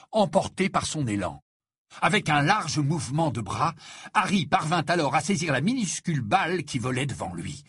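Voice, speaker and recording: A man narrating an audiobook and voicing the characters in an expressive way. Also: husky, no room sound, studio quality. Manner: expressive, raises pitch for dialogue.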